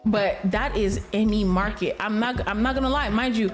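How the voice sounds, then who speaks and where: A woman's voice: mid-range voice, normal speed, faint music behind. A woman with a Nigerian accent, a realtor giving casual commentary in a conversational, emphatic way with frequent restarts.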